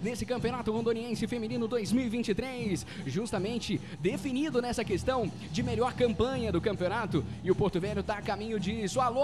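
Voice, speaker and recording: A Brazilian man giving live football play-by-play in a chatty way, often repeating phrases. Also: sits high. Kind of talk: live match commentary.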